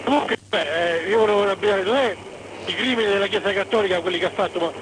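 A man with a central Italian accent from Lazio, speaking haltingly and repeating words as a casual radio caller. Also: high-pitched. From Viterbo, central Italy. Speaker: caller, truck driver. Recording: very noisy phone call from roadside.

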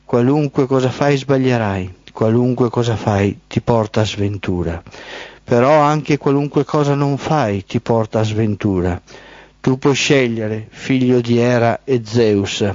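A man's voice: medium pitch, a little slow, a little mellow, dry recording, close to an everyday voice. A man voicing Night, an ancient goddess who is the mother of Misfortune, speaking in a solemn, oracular way. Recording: dull, dry lo-fi.

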